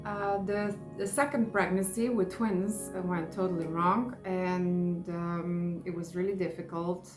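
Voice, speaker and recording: A Serbian woman speaks English as a second language with a Serbian accent, pausing and restarting as she searches for words. Her voice sits fairly low. She talks in an echoey room with music clearly playing underneath. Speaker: face yoga vlogger. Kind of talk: personal testimony vlog.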